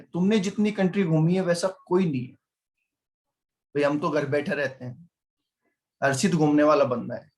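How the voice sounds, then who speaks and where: Guy teaching a class, kinda high voice, teasing and quizzing students nonstop. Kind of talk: classroom lecture.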